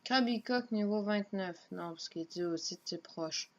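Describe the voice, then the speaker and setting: A let's play gamer, a woman, gives casual, offhand commentary as she plays, muttering her moves to herself. Her voice is medium-pitched at a normal speed, recorded on a dull lo-fi home mic with faint noise.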